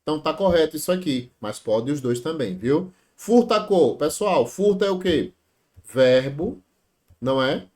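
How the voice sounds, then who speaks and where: A man's voice: a little high, moderate pace. Chatty Brazilian man teaching grammar. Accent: Brazilian Portuguese. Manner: lively, chatty, addresses viewers as "monstros", asks rhetorical questions. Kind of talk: exam-prep grammar lesson.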